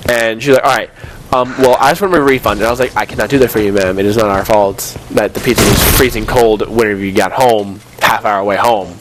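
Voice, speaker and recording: Heavy background noise surrounds a nineteen-year-old man with a lowish voice and quick pace. A gaming video host, he casually tells stories while gaming, acting out past exchanges in an exasperated way.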